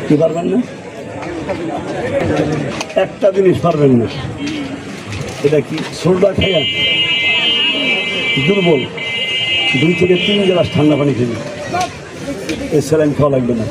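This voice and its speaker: Guy barking a medicine pitch on the footpath, highish voice, noisy street around him. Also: animated, normal speed, long pauses. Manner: barker-like hawking, rattling off lists and asking rhetorical questions. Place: outdoors on a city footpath. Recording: noisy outdoor street with crowd, traffic. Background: street crowd and vehicle noise.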